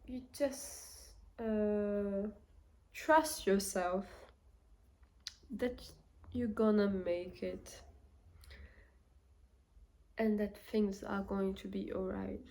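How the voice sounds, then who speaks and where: A young woman vlogger with a Portuguese accent talks slowly and unhurriedly to her camera in a casual, reflective way. She thinks aloud, pausing on fillers and restarting sentences, her middle-range voice fairly even in intonation with a dark tone.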